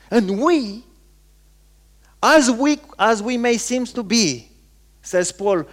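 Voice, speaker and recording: A pastor with a Romanian accent preaches a sermon, his voice sitting well above typical male pitch and a bit bright. He speaks in short, forceful phrases, frequently pausing and repeating a word to stress it.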